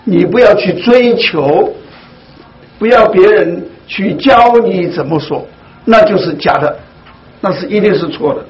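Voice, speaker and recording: A man leading a Bible study for his congregation, speaking slowly and deliberately with many hesitant fillers. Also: sits high. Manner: slow, deliberate, with frequent fillers. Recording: dull lo-fi recording, faint hiss.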